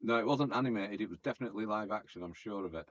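A man's voice: on the low side, very fast, no echo. A man co-hosting a casual podcast chat about films, rambling and joking. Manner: joking, rambling, laughs often. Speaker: podcast co-host. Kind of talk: casual film review chat. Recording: dull lo-fi mic.

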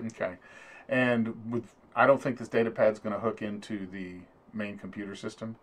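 A man's voice: on the low side, flat delivery, normal speed, fairly bright tone. A man playing a tabletop game, talking casually and laughing easily. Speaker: player.

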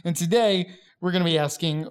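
A man's voice: sits high, fairly quick, smooth. A man hosting a podcast in casual comedic chat, blunt and joking, swearing often. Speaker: podcast host.

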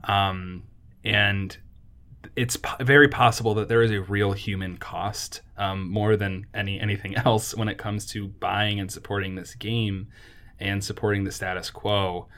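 A man's voice: lowish voice, a little slow. A man co-hosting a video game review podcast, chatting casually with fillers and frequent laughs. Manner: relaxed, laughs often, trails off with fillers. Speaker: podcast co-host.

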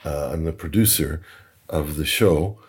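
A man's voice: a bass voice, a little slow, slightly rough. A man, a podcast guest, telling anecdotes in a chatty way, chuckling and repeating words while he searches for them. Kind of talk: anecdotal storytelling. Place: Toronto.

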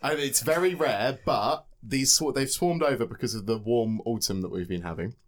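A man's voice: mid-range voice, normal speed. A young man from England telling a story in casual chat, often breaking into laughter. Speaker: podcast co-host telling a story.

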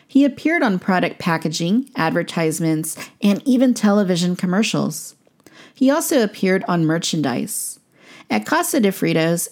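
A woman narrates a scripted historical documentary. Her voice sits slightly low, and she reads in measured, complete phrases as a narrator. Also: darkish tone.

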